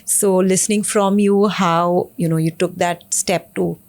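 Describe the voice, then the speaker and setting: A woman's voice: fairly low pitch, fairly even intonation, measured pace, darkish tone. A woman hosting an interview, polite and encouraging, with frequent affirming murmurs. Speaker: interview host. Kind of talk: conversational interview.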